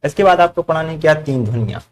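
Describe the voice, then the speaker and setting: A man teaching a grammar class, his voice sitting a little high for a man. He keeps firing questions at the room and echoes the answers back to the students. He talks in the steady rhythm of a classroom lesson. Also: fast. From India.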